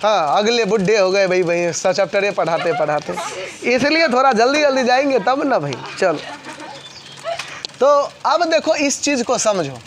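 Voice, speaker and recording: A man leads a classroom physics lesson at a quick clip. He repeats each point and keeps throwing questions at his students to answer in chorus. Faint traffic sounds carry in from outside. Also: sits high, animated. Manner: fast, repetitive call-and-response questioning. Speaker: coaching class teacher.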